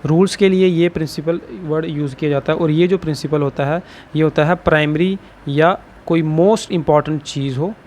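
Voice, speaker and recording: A male shorthand teacher explains a lesson, tagging almost every phrase with "ठीक है" and repeating words slowly. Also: on the high side, fairly even intonation, darkish tone, a little hiss or hum.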